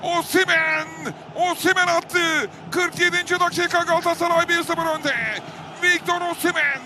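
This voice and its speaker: Male football commentator screaming repeated goal calls on one high, even pitch, noisy crowd behind. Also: moderate pace. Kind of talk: live football match commentary.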